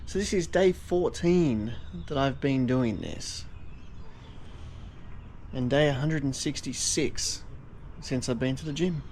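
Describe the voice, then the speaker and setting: A man's voice: medium pitch, takes it slowly, pauses often. A man talking casually to camera as a vlogger. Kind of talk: casual vlog talk to camera. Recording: clear background noise.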